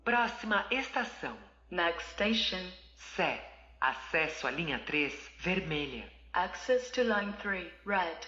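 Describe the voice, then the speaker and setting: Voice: medium pitch, very animated, takes it slowly, soft background music. A recorded transit announcer making a formal station announcement over a subway intercom, heard from a distance. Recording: lo-fi, echoey loudspeaker from far off.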